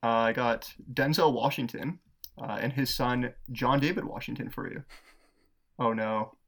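A podcast co-host talking casually, his gravelly voice slipping into fry at the ends of phrases. He rambles, fills gaps with "uh" and laughs a lot at his own jokes. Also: medium pitch, a little slow. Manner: laughs often, rambling with fillers. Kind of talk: casual chat.

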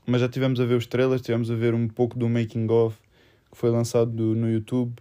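A man's voice: mid-range voice, completely flat delivery, brisk, dark tone. A young man with a European Portuguese accent in casual conversation, mixing English phrases into his speech. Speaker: film discussion podcast co-host. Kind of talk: casual chat.

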